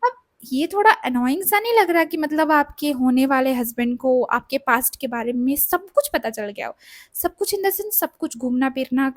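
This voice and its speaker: A young woman vlogger telling a personal story in a casual storytime style, animated and acting out the voices she quotes. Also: high voice, normal speed, no room sound, clean studio sound.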